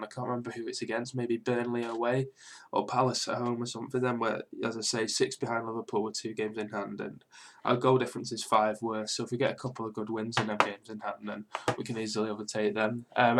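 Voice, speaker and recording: A young British man speaks in a quiet but clear voice, held back a little by a sore throat. He rambles casually and swears freely, like a fan recording a match reaction. His pitch sits in an ordinary male middle range. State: mildly ill with a sore throat. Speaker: football fan video host.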